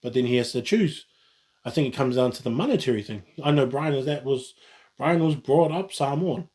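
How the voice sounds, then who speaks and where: This man's voice is medium in pitch, brisk and a little mellow. He's a vlogger from New Zealand chatting solo, wandering through his thoughts with frequent restarts and self-corrections.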